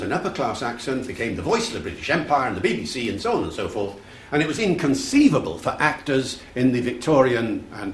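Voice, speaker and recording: A man's voice: mid-range voice, echoey room, a little hiss or hum. A man giving a public talk to an audience, explaining things and telling anecdotes, with occasional fillers. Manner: explanatory, storytelling, uses fillers. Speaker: festival speaker on language. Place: room with an audience.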